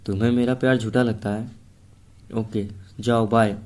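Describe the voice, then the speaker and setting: A man's voice: lowish voice, flat delivery, normal speed, natural voice. A man voicing a tender, devoted young lover. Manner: soft and coaxing.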